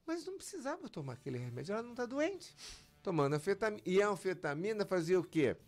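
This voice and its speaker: Speaking fast in a high-pitched voice over soft background music, this doctor guest explains medical topics in an interview. His delivery is lively and emphatic, and he acts out patients' words.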